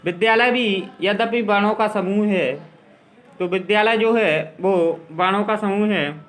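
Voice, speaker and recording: A man teaching a school grammar lesson, explaining slowly and repeating his examples. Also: high voice, fairly bright tone, a little hiss or hum, poor audio.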